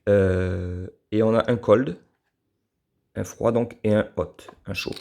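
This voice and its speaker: A man with a southern French accent talks casually about his collection, his low voice catching in a gravelly fry. The tone is mellow and dark, and he stops often with fillers and restarts, sounding fond of what he shows. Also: fairly even intonation, slow pace. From southern France. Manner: hesitant, many fillers and restarts, fond and admiring. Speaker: die-cast model car collector reviewing his cars. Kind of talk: casual unscripted review.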